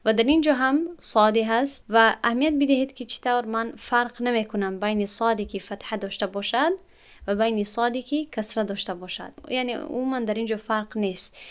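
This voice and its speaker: Patient woman teaching recitation. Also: fairly high pitch. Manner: patient, explanatory, stretches out and repeats syllables to demonstrate. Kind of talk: tajweed lesson to students.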